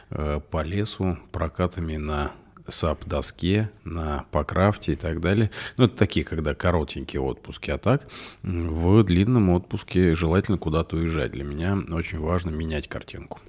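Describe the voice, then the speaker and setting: A middle-aged man, a psychotherapist co-hosting a podcast, talking in a relaxed, reflective way about his own habits. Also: rumbling low. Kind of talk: casual conversation.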